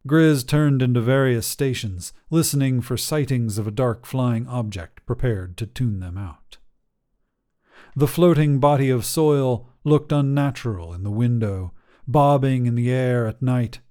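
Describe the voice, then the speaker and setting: A man hosting a story podcast, narrating a short story in a calm, measured, scripted way. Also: mid-range voice.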